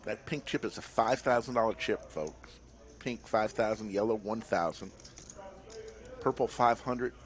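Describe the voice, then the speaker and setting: A man's voice: fairly low pitch, measured pace. A man commentating on a live poker stream as poker commentator, in short, clipped announcing phrases.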